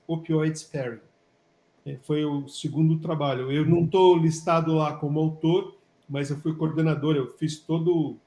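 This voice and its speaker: Brazilian male physician, somewhat high voice, roomy echo on the call. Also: dark tone. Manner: chatty, many fillers and restarts. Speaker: physician and study coordinator. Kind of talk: casual live webinar talk. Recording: echoey room.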